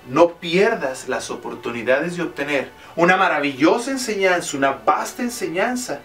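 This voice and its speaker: A man's voice: fairly high pitch, a bit bright, roomy sound, distant mic. A man telling a motivational story with an emphatic, repetitive way of speaking.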